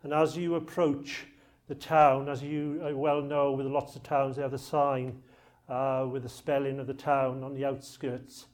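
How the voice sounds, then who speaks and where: He speaks at medium pitch, a little slowly, with a flat delivery and a somewhat mellow tone. This South Wales-born archive lecturer, Welsh accent intact, gives a chatty, humorous talk before a live audience in a lecture room.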